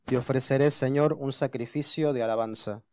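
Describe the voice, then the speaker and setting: A man reading scripture and responses at Mass as a lector, solemn and measured. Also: mid-range voice, fairly even intonation, darkish tone.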